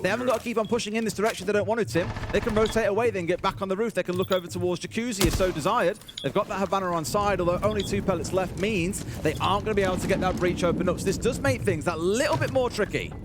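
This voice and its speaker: A man's voice: sits high, rapid-fire, few pauses. A man giving live analytical esports commentary in a chatty way, with colourful turns of phrase. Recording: game gunfire and noise behind. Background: game gunfire.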